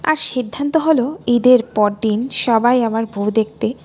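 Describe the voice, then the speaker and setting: Woman reading a lively first-person story. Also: on the high side, unhurried. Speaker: story narrator. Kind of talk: reading a romantic audio story aloud.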